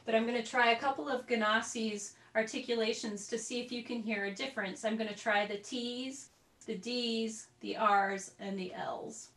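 A woman's voice: fairly high pitch, steady tone, moderate pace, fairly bright tone, distant mic. A woman teaching a group recorder lesson over a video call, explaining in a chatty way with little asides. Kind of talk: online group music lesson. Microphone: computer mic on a video call. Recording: roomy video-call audio from off-mic.

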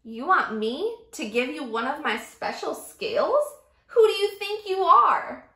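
A woman's voice: sits high, sing-song, measured pace, pushed and bright, roomy sound, heavily acted. A woman voicing a proud, vain young male fish in a classroom storybook reading, haughty and scornful. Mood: indignant.

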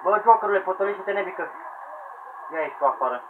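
Frantic high-pitched gamer yelling at the screen. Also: male voice, expressive. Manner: frantic, yelling at characters, pleading and laughing. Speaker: gamer commentating own play. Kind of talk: excited gameplay commentary. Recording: tinny lo-fi sound with faint hiss.

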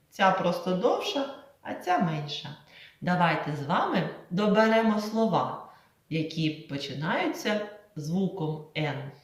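A woman teaching a reading lesson to young children, drawing out and exaggerating each sound for them to repeat. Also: lowish voice. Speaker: primary school teacher. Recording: echoey room.

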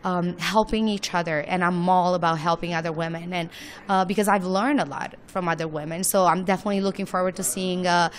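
A woman with a Romanian accent speaks as a guest in a casual interview. Her voice sits on the low side and she talks with eager enthusiasm, filling pauses with plenty of "uh" and "um". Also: steady tone. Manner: enthusiastic, many fillers. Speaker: guest, launch service owner.

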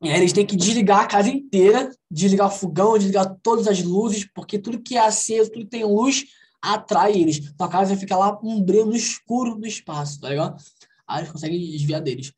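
A man with a Brazilian Portuguese accent leads an online English conversation class. He explains vocabulary patiently, slows down on the English words, and keeps checking in with his students. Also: sits high, darkish tone. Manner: explains patiently, repeating English words slowly and asking "tá legal?". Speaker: English teacher.

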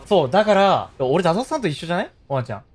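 A man, chatting playfully while he streams a game. His pitch sits a little high and swings widely as he jokes and reacts. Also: very fast. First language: Korean. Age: 30s. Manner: joking and animated, with loud yelps and laughs. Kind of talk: casual gaming stream chat.

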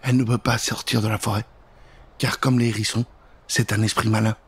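With a lowish, husky voice, a level tone and a fairly quick pace, a man in his thirties theatrically tells a suspenseful Halloween story for children. It's delivered at a studio microphone fitted with a pop filter.

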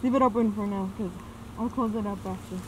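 A woman's voice: mid-range voice, steady tone, fast, noisy background. Woman muffled through a gas mask. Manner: laid-back, casual. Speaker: vlogger host. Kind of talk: casual chat.

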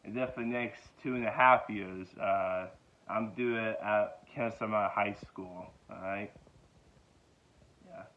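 A man's voice: lowish voice, steady tone, measured pace. A man in his twenties from Georgia, talking casually about himself in a rambling way full of fillers, filmed on a phone held close in his bedroom. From Georgia, USA. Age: 20s. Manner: rambling, many fillers and repeated yeahs. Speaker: vlogger. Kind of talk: casual self-introduction vlog. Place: small bedroom indoors. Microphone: phone held close at arm's length. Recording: tinny phone-like sound.

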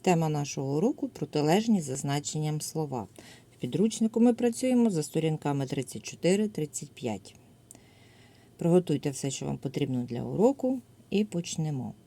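A woman teacher with a Ukrainian accent giving a video lesson to young pupils, dictating slowly and clearly. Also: low-pitched, sing-song, dark tone. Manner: slow, clear dictation with drawn-out words. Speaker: primary school teacher.

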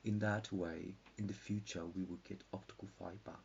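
Tired man, low and gravelly, meandering mock-lecture with whispery dips; lo-fi home recording. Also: steady tone, moderate pace, darkish tone. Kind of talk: rambling pseudo-scientific monologue. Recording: dull lo-fi with faint hiss.

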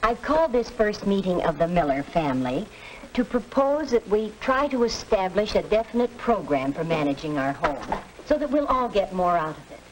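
A woman's voice: mid-range voice, big pitch swings, normal speed, natural voice. A woman playing an earnest, orderly middle-aged American mother in a 1940s educational film. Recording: noisy vintage film soundtrack.

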